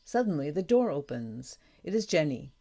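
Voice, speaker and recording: A woman reading a storybook for learners aloud, slowly and carefully, announcing each page. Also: low-pitched, sing-song, warm tone. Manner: slow, careful, clear reading. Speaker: audiobook narrator. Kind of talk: scripted narration of a graded reader.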